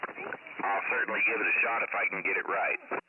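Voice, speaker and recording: A man speaks slowly and politely over a mistuned sideband radio that lifts his voice a little off true. The sound is thin and phone-like, with clear hiss behind it. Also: lowish voice, wildly swooping pitch. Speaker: ham radio operator relaying check-ins. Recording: hissy, tinny single-sideband radio.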